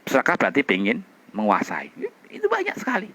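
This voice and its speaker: Animated male public speaking trainer. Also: medium pitch, a little fast, a little hiss or hum. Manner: demonstrates vocal drills, shouts chants, drops to whispers. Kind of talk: energetic training class.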